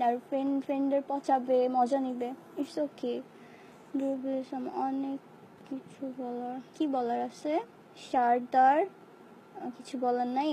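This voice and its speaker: Hoarse young woman chatting with viewers. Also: sits high, dark tone, slight background noise. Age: young adult. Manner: chatty, playful, mixes English phrases into casual replies. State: hoarse, sore throat. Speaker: live-stream host reading viewer comments. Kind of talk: casual live chat answering comments.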